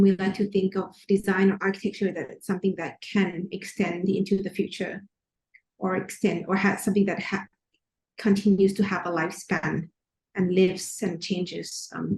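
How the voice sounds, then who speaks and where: A woman from Thailand, an architect who co-founded her firm, answering interview questions in a thoughtful way and often pausing to search for words. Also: mid-range voice, fairly even intonation, a little mellow.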